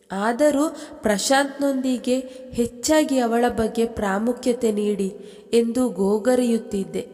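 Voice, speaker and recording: A woman reading aloud plays a young wife crushed by her best friend's betrayal. She speaks slowly through tears, with a voice pitched a little high. A long reverb trails behind her words. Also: a little mellow. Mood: grieving. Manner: tearful, accusing.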